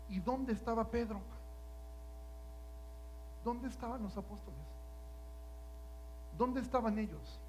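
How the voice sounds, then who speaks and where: This sermon comes from a man whose voice is high and light, heard on a low-quality recording with slight background noise. Quiet, intimate moments alternate with loud, rising passages as he fires rhetorical question after question at the congregation.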